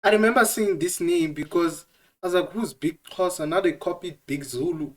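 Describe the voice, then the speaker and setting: A man's voice: on the high side, brisk. A man hosting a reaction video, talking casually and exclaiming in disbelief at what he watches. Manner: incredulous, laughing, exclaiming. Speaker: reaction channel host.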